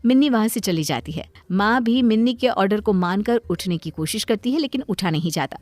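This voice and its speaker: A woman's voice: mid-range voice, lively intonation, fairly quick, a little mellow, dry recording, faint music behind. A woman narrating a cartoon story in a plain, scripted way.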